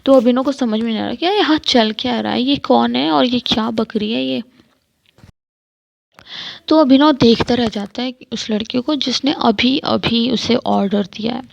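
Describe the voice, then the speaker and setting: A woman's voice: a little high, moderate pace, vocal fry, no room sound. A woman narrating a story in a casual, chatty way, breaking off for teasing asides to her audience, on a dull lo-fi recording.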